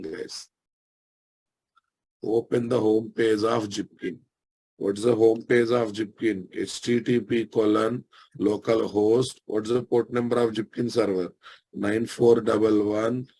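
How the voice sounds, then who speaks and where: A man with an Indian Telugu accent gives a live technical lesson as a software instructor in a husky, medium-pitched voice. Speaking a little slowly with a steady tone, he repeats each phrase and checks that listeners are following.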